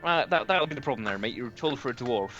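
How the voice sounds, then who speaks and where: A man's voice: mid-range voice, animated, fast, bright, forceful tone, highs cut off, soft background music. A man voicing a friendly, gossipy male villager who drives a wagon, in a put-on Bristolian accent and calling people mate. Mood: teasing.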